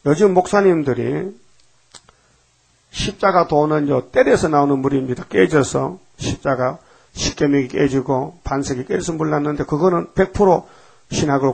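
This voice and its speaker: A man's voice: fairly high pitch, normal speed, gravelly, darkish tone, husky. A man preaching a sermon in a folksy, emphatic way, often putting rhetorical questions to the congregation.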